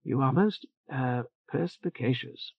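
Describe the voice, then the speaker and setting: A man performs an audiobook character, a fretful older churchman who stammers, hedges and caps his lines with "eh?", sounding anxious and fumbling with plenty of "uh." His medium-pitched voice has vocal fry and some roughness, and there's no room sound, though the recording is dull and muffled.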